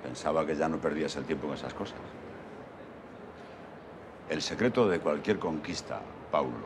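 An actor in his sixties playing a calm older man who gives measured advice. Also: extremely low pitch, background noise. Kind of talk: film dialogue.

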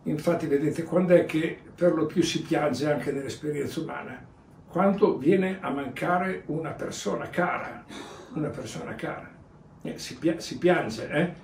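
Priest rambling through a sermon in an echoey church. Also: male voice, a little high, unhurried, gravelly, darkish tone, recorded from a distance, slight background noise. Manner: rambling, repeats phrases, tags lines with "eh?" and "vedete".

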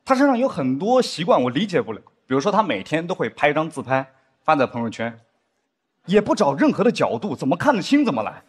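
A man performing a stand-up comedy set, telling stories and acting out drama scenes in a lowered voice. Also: quick pace, breathy edge. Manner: lively storyteller, acts out drama scenes in lowered voice. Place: theater stage before a live audience. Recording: live stage with crowd laughter and noise.

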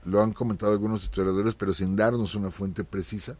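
A man's voice: fairly low pitch, fairly even intonation, quick pace, a little mellow, no room sound. A man telling a history anecdote in a chatty way, often checking in with "¿sí?" and calling listeners friends. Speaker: radio history host. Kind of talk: storytelling history talk.

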